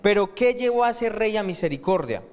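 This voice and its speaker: A male pastor delivers a sermon, pausing to ask the congregation questions and let them finish his sentences. His voice sits a little high for a man. The sound carries the long reverb of a church hall. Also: expressive. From Colombia. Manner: asks rhetorical questions and lets the congregation fill in the answer.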